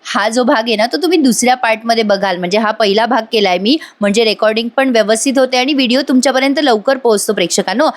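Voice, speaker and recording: A woman's voice: on the high side, quick pace, few pauses. Chatty woman recapping a TV serial. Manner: chatty, addresses viewers directly. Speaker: TV serial reviewer. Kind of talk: voice-over episode recap.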